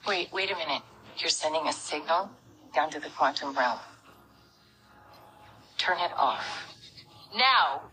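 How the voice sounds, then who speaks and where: An actress playing a grave, secretive older woman, speaking urgently and low in film trailer dialogue. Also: takes it slowly, pauses often, sharp tone, a little hiss or hum, full character voice, rough recording.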